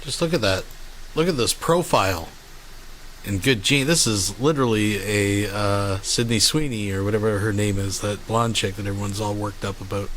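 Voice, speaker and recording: A man's voice: on the low side, normal speed, fairly bright tone, poor audio. A man talking casually and loosely on a livestream, as if to his viewers. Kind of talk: rambling casual livestream chat. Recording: faint ambient background noise.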